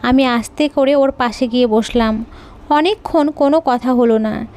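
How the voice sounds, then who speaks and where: A woman narrating a scripted audio story with a high, light voice. She tells it in the first person, calmly and at a measured pace.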